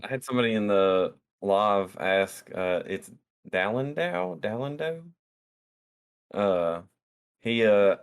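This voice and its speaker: A man co-hosting a podcast, relaxed and jokey, reading out listener questions in casual chat. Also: deep voice, clear, resonant tone. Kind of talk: casual card game chat.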